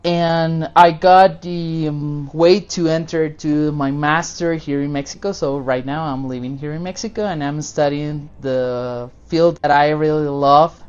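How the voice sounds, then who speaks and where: A man's voice: on the high side, steady tone, unhurried, few pauses, smooth, highs cut off. A man, a guest chatting casually and informally about his work. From Costa Rica. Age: 20s. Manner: friendly, informal, loose non-native phrasing. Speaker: podcast guest, dentist. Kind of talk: casual interview answers.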